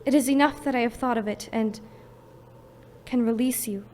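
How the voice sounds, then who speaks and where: Woman doing belle, high soft voice, letting him go gently. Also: normal speed, a little hiss or hum, natural voice. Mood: sorrowful. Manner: soft, earnest, sorrowful.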